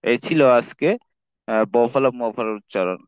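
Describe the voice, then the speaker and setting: A man tutoring a grammar lesson, reading rules aloud and slowly repeating each example word. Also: medium pitch, animated, clean tone, no echo, highs cut off. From Bangladesh.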